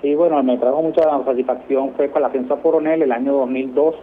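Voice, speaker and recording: A middle-aged army colonel with a Venezuelan accent answers interview questions conversationally as a guest. He talks fast at a medium pitch with fairly even intonation, over a noisy, tinny line that sounds like a phone.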